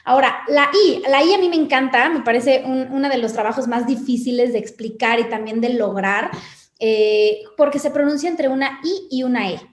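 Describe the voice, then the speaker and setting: A woman's voice: high voice, moderate pace, roomy sound. A woman with a Mexican Spanish accent, an English teacher explaining things in casual chat and often adding "¿no?" tags. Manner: explanatory, uses many "¿no?" tags.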